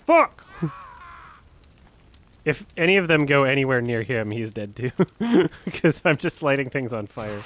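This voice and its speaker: A man giving casual, joking gameplay commentary as a host, excitable and quick to swear. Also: mid-range voice, slight background noise. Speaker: gaming show host and player.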